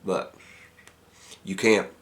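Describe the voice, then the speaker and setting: A man giving a casual product review, halting as he thinks aloud. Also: fairly bright tone. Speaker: pipe tobacco reviewer.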